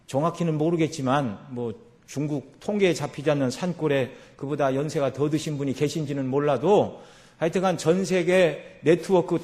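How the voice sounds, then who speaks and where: Korean pastor preaching in conversational tones. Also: male voice, on the high side, darkish tone. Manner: conversational preaching with frequent filler affirmations. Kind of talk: sermon. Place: church sanctuary.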